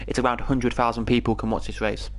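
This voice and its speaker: A man from England with an English accent gives chatty live commentary on an online racing league as an esports race commentator. His voice is medium in pitch with little pitch movement, and he talks quickly.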